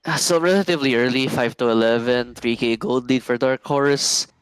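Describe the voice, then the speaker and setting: A man with a smooth, clear voice that is soft and groggy, e-boy style. He talks in a laid-back, lazy drawl as he gives casual esports commentary at a middling pitch. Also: moderate pace, dry recording, poor audio. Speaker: esports co-caster. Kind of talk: casual live video game commentary.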